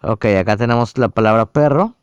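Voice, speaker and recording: Man calmly talking through an app. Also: mid-range voice, brisk, clean tone, no echo, dull audio. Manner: relaxed, explains each step aloud. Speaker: app reviewer. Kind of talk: casual screen-recorded app walkthrough.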